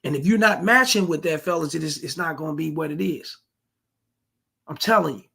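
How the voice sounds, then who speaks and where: A man's voice: a little high, brisk, creaky, bright, forceful tone, slightly rough. A man giving blunt, profane dating advice to the fellas while reacting to a street clip. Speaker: reaction commentator. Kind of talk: reaction commentary.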